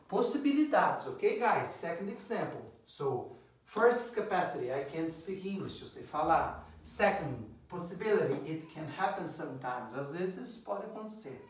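A man's voice: a little high, recorded from a distance. A man with a Brazilian accent teaching English, drilling phrases over and over and telling viewers to repeat after him. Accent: Brazilian Portuguese. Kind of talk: video English lesson in Portuguese. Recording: very echoey room, voice away from mic.

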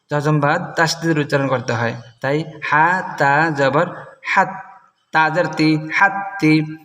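A man with a Bangladeshi Bengali accent teaching Quranic recitation, spelling words out letter by letter and chanting the verses slowly. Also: a bit bright, in a large hall. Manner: slow and deliberate, chanting the verses higher and drawn out. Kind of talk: spelling out Quranic Arabic word by word.

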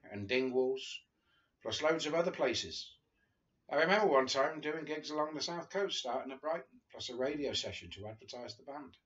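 An Englishman in his fifties, a guest reader, reads a memoir aloud with informal amusement while seated on a sofa in a small living room. His voice is medium in pitch with a fairly bright tone, and the audio has the dull, lo-fi quality of a video call.

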